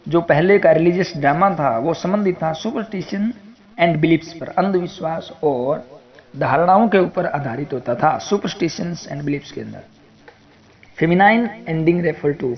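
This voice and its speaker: Slow, deliberate Indian English exam tutor. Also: male voice, on the high side, dull audio. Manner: reads each question slowly in English, then explains it quickly in Hindi. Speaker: English literature teacher. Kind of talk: exam prep lecture.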